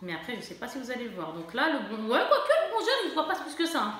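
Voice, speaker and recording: A woman's voice: on the high side, big pitch swings, fast talker, a bit bright. A woman vlogging a casual shopping haul, chatty and self-mocking, often searching for her words. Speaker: beauty vlogger. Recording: very echoey room.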